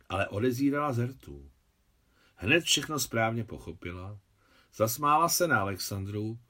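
A man narrating a novel aloud as an audiobook, in a measured literary reading. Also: medium pitch, a bit bright. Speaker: translator reading his translation.

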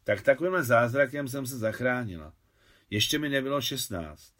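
A man's voice: medium pitch, animated, fairly bright tone, lightly acted. A man reading as a shy, candid young woman. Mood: somber. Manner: plain, artless.

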